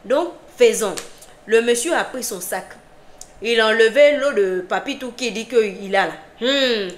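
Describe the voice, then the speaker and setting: A woman telling a story in a casual, lively, repetitive conversational way. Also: a little high, a little slow. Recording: roomy with faint background ambience.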